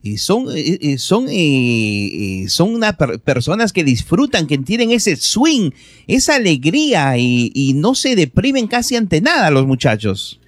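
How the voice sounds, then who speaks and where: Lively high-voiced radio host. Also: male voice, unhurried, no room sound, clean studio sound. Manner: enthusiastic, stumbling fillers. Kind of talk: casual radio interview.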